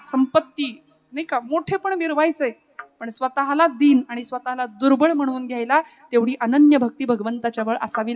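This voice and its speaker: A Marathi woman preacher giving a devotional kirtan sermon, telling stories and acting out the characters' lines. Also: sits high. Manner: dramatic storyteller, voices characters, breaks into Hindi couplets and chant.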